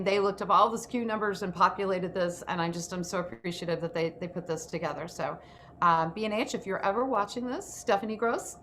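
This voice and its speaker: Hosting an informal online workshop, a woman teaches acting self-tapes over a video call with plenty of enthusiasm. Her voice is fairly low, bright and forceful. She's in an indoor room, and the call carries background noise.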